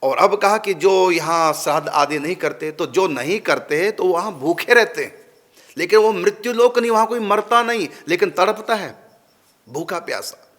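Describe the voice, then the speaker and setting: A man's voice: high-pitched, animated, normal speed, fairly bright tone. A man giving a religious discourse, answering a question and putting emphatic rhetorical questions to his listeners. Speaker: spiritual teacher.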